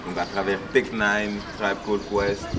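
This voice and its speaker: A man's voice: fairly low pitch, moderate pace. A man rapper, answering casually with many fillers. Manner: relaxed, many fillers like "tu vois". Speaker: rapper guest. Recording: distant mic with noisy ambience.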